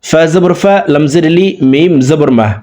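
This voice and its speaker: A man with a dark-toned voice on the high side teaches Quran reading with a Bangladeshi Bengali accent in a slow, spelled-out recitation lesson. He names each letter and vowel sign, then chants the joined words, giving rapid plain explanations between drawn-out chanted phrases.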